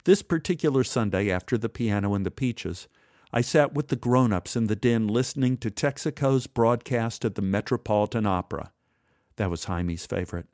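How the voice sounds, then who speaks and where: A man's voice: on the low side, normal speed, a little mellow, no room sound, clean studio sound. A man narrating his own memoir in a wry, conversational way. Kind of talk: storytelling narration.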